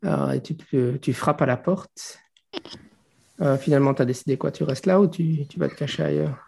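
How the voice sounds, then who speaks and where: A man's voice: fairly high pitch, moderate pace, vocal fry, darkish tone, slightly rough. A man improvising narration as game master of a tabletop game, hesitantly searching for his words.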